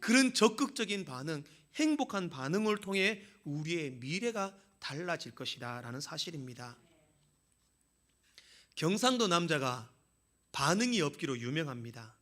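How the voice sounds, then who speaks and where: A man's voice: a little high, very animated, moderate pace, fairly bright tone. A man preaching a sermon as a pastor, telling jokes and stories with emphatic exclamations.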